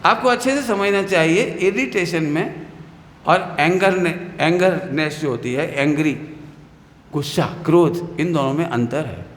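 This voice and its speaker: A man's voice: a little high, unhurried, fairly bright tone. A man teaching a class of children as a religious teacher, playful and full of questions for the class, sometimes acting out scolding mothers and teachers. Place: hall with children. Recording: echoey hall with long reverb.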